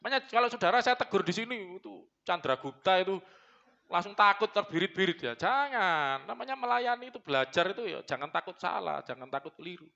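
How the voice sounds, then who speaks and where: A man preaches a sermon in church, blunt and full of jokes. His voice is bright and forceful and sits a little high for a man. The recording is dull and lo-fi. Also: expressive, fast, gravelly. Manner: joking, blunt, mixes in Javanese phrases. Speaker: pastor.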